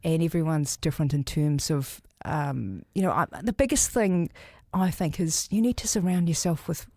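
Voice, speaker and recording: A woman's voice: low-pitched, normal speed, a little mellow, no room sound, studio quality. Encouraging woman in her fifties. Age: 50s. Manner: encouraging, affirming, practical. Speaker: divorce service founder, guest. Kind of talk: advice-giving interview talk.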